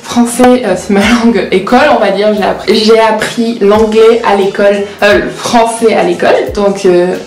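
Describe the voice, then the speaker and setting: With faint music behind her, a 19-year-old native Portuguese speaker who vlogs and studies law talks at a moderate pace with hardly any pauses. Her mid-range voice is darkish with fairly even intonation as she chats candidly, self-mockingly, and often hesitantly, in a roomy echo.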